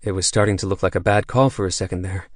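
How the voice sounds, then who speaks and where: A man's voice: low-pitched, fairly even intonation, fast, no room sound, clean studio sound. A man voicing an injured young man in an audiobook who jokes flippantly through his pain. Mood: strained flippant. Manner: flippant, strained. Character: wounded, wisecracking young man. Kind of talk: audiobook character voice.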